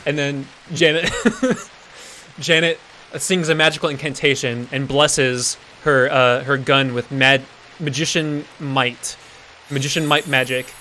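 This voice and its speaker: A man's voice: medium pitch, level tone, unhurried, sharp tone, slight background noise. A man improvising a goofy story while streaming a game, rambling with lots of restarts and fillers.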